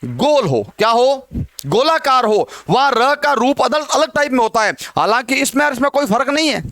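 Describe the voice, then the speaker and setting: High-voiced Hindi grammar teacher, question-and-answer. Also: male voice, expressive, moderate pace, fairly bright tone. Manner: asks questions and answers them himself, repeats key words. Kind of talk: classroom grammar lesson.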